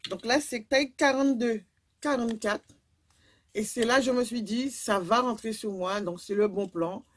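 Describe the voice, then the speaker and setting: Chatty woman. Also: fairly high pitch. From Guadeloupe. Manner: chatty, rambling, with frequent fillers. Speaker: vlogger. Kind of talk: casual haul video.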